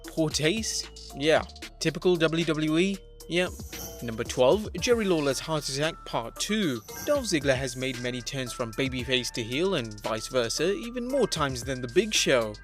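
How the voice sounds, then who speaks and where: A man giving a scripted countdown narration in a steady, wry delivery. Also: a little high, moderate pace. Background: faint background music.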